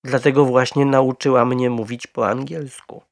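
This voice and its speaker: A man voicing a small, polite male bear who speaks quietly and clearly with great dignity. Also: mid-range voice, little pitch movement, normal speed, no echo, clean studio sound, pitched above the performer's own voice, natural voice. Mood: earnest.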